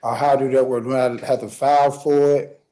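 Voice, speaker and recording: A man's voice: medium pitch, level tone, fast, dark tone, a little hiss or hum, low-quality recording. A man speaking as a self-represented defendant, in an insistent, formulaic way with non-standard grammar. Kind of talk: recited legal statement and courtroom replies. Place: courtroom.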